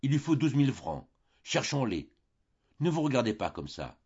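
A man reading aloud, voicing a heartbroken old father who pleads with his daughters in anguished outbursts, in a husky tone. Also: mid-range voice, very animated, moderate pace, darkish tone, dull audio, pitched above the performer's own voice. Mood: pleading.

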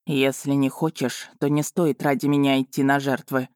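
A woman voicing a proud, brooding male dragon lord who speaks in a cool, measured, slightly mocking way. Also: extremely low pitch, steady tone, dry recording, clean studio sound.

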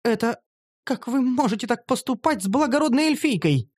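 A man's voice: very high voice, lively intonation, moderate pace, dry recording, studio quality, pitched above the performer's own voice. A man voicing Caramel, a prim haughty elf maiden. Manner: prim, offended, formal. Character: haughty young noble elf woman, enslaved and indignant. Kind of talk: audiobook character voicing.

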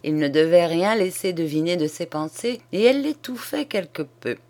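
A woman narrating a classic novel as an audiobook reader, steady and clear. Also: fairly low pitch, normal speed. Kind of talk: scripted narration.

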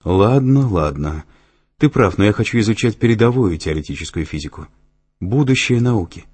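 A skeptical young woman scientist fires off quick challenges in this audiobook, voiced by a man. The base voice stays low and husky under the raised, eager tone. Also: expressive, darkish tone. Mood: challenging.

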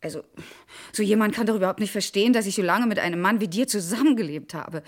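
An actress playing a sharp-tongued estranged wife in a stage play, sarcastic and biting, quickly swinging between scolding and mockery. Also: female voice, mid-range voice, natural voice. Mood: reproachful.

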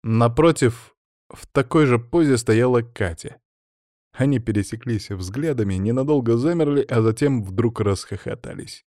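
A man giving a measured scripted narration of an audiobook. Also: mid-range voice, animated, darkish tone, no room sound, studio quality. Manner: measured storytelling.

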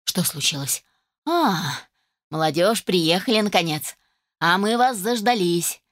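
Woman reader voicing a hearty, jolly dad in an audiobook; low and welcoming. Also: lively intonation, unhurried, no echo, studio quality. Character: cheerful middle-aged father in a tie. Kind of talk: audiobook character voice.

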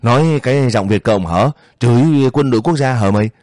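A man's voice: mid-range voice, fairly quick, darkish tone, dry recording, clean studio sound, close to an everyday voice. A man doing a sneering brutal soldier. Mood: taunting. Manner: threatening, taunting. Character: brutal male soldier thug, sneering and menacing.

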